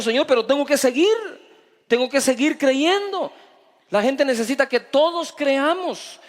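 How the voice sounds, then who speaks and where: A male pastor preaching a sermon with emphatic delivery that swings between loud and hushed. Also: sits high. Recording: long reverb of a large hall.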